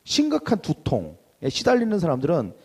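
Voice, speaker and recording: A man's voice: a little high, huge pitch swings, fairly quick, darkish tone, husky. A male pastor preaching a Sunday sermon, asking the congregation questions and acting out angry outbursts. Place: church sanctuary. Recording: church hall with long reverb.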